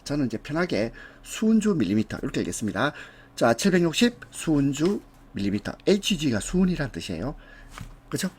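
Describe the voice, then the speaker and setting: A man's voice: on the high side, sing-song, fairly quick, breathy edge. A man teaching an exam prep lecture, going through answers step by step with casual asides.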